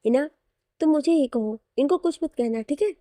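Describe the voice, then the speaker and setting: A man's voice: very high-pitched, normal speed, dark tone, no echo, clean studio sound. A woman voicing a mischievous young husband who teases his wife and friend. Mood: mock-indignant. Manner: mischievous, teasing. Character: playful teasing young husband.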